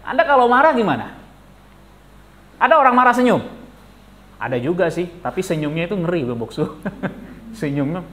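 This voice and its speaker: A male pastor giving a lively sermon, animated and jokey, questioning the congregation. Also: fairly high pitch. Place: church.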